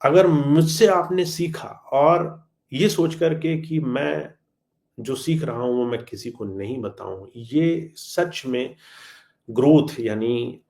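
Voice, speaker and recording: A man's voice: mid-range voice, slow pace, vocal fry, a little mellow. A man giving a live spiritual talk, answering listeners' questions in an earnest, friendly way and slipping in English phrases. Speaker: spiritual teacher.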